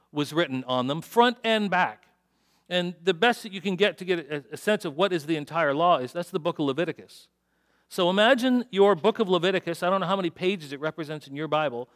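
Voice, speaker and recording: A man's voice: high voice, a bit bright. A middle-aged man preaching a sermon to a congregation, conversational and joking, asking his listeners questions. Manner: conversational, self-deprecating humor with audience questions. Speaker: pastor.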